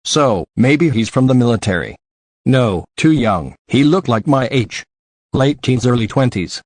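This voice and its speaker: A man reading the part of a cool, guarded young female spy in a deadpan tone. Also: medium pitch, a little slow, no room sound.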